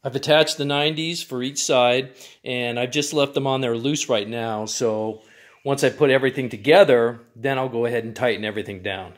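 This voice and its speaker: A man's voice: mid-range voice, steady tone, moderate pace. Guy explaining his diy project step by step, plain and methodical, workshop vibe. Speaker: DIY channel host. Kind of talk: step-by-step build tutorial.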